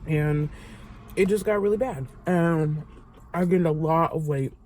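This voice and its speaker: A young adult woman talking to camera in a confessional vlog, halting and vulnerable, with many fillers and restarts. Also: low voice, a little mellow, a little hiss or hum. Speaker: vlogger.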